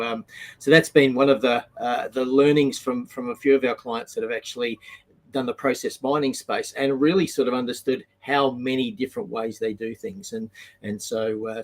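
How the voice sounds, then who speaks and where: Hesitant man consultant thinking aloud. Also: mid-range voice. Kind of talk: panel discussion answer.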